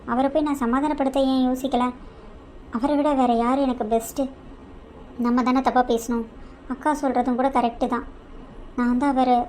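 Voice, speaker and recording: A woman's voice: high voice, warm tone, slight background noise, lightly acted. A woman voicing a young, emotional wife in a cartoon drama, pleading and devoted to her husband. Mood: resolved.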